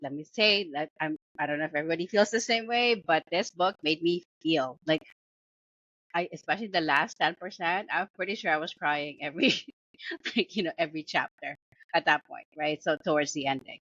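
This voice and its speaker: A woman with a Filipino accent co-hosts a book review show, chatting casually with many fillers and restarts and frequent laughter. Her low-pitched, somewhat bright voice moves a little fast. The recording is dull, lo-fi, and dry, with no room sound.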